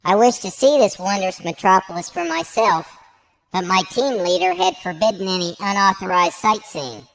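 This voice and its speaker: A woman's voice: medium pitch, big pitch swings, normal speed, a little hiss or hum, poor audio. A woman voicing a male alien head on life support, an [name] fan and co-host, talking in formal, stilted phrases. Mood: prim, formal. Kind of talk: comedic sketch acting.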